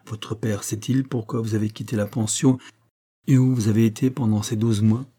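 A man's voice: lowish voice, steady tone, moderate pace, dark tone, breathy edge. A man playing a stern, wounded captain. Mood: demanding. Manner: grave, insistent, impassioned. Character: stern, honorable young army captain, wounded fiancé.

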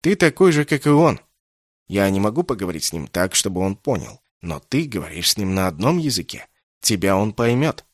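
Male reader doing a proud, manipulative mage; low, dry, imperious. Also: very animated, a little fast, no echo. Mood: persuasive. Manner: imperious, coaxing, then clipped and cold. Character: haughty scheming male mage, cold and manipulative. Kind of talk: audiobook character reading.

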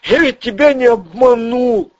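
A man voicing a panicky, pleading red-haired male small-time crook, whiny and shrill. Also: a little slow, a little mellow. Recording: dull lo-fi audio.

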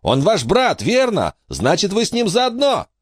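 A man voicing a fierce, sharp-tongued young girl in an audiobook, yelling in a shrill voice. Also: huge pitch swings, a little slow, breathy edge, no echo, clean studio sound, exaggerated voice. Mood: defiant. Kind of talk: audiobook character voice.

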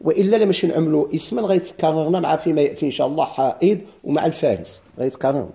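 A man's voice: a little high, vocal fry, warm tone. Moroccan man teaching Arabic grammar. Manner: drills students with questions and answers; chants verse slowly. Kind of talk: classroom lesson with questions.

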